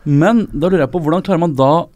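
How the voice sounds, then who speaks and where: A man's voice: on the high side, a little mellow, no echo, dull audio. A man co-hosting a casual podcast chat, asking curious questions. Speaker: podcast co-host.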